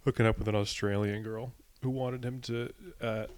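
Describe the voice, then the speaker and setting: Low-voiced young man, slight Long Island accent. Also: steady tone, moderate pace, clean tone. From Northeastern US. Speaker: comedian podcast co-host. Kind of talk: casual chat.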